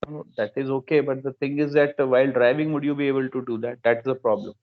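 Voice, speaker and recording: A man's voice: medium pitch, steady tone, fast talker. A man with an Indian accent talking casually as an online course instructor, advising and repeating his phrases. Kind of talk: casual online teaching talk. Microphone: online call. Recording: dull lo-fi online call audio.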